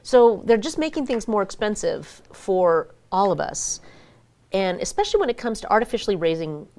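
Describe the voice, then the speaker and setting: A woman's voice: mid-range voice, very animated, normal speed, darkish tone. A woman giving frank, opinionated commentary as a guest in a conversational interview. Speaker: interview guest, small business advocate.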